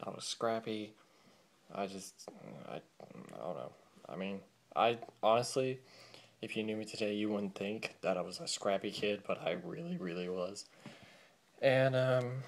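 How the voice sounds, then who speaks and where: A young man from California, telling his life story in a casual, rambling vlog with many fillers, recorded on a camera mic. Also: fairly low pitch. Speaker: vlogger.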